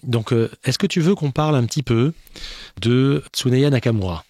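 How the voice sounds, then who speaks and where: A man's voice: mid-range voice, normal speed, a little mellow, no room sound, studio quality. A man hosting a casual podcast chat, playful with jokey asides. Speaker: podcast host. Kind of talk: casual conversation.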